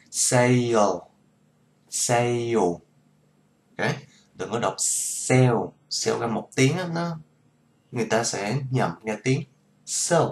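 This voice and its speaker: Slow-talking man teaching pronunciation. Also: mid-range voice, vocal fry. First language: Vietnamese. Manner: slow, repeats model words many times. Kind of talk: casual pronunciation lesson vlog.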